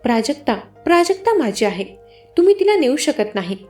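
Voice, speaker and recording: A woman voicing an obsessed, possessive older man who shouts and clings to a woman he calls his own. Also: extremely high pitch, big pitch swings, moderate pace, faint music behind. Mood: obsessive. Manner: possessive, yelling.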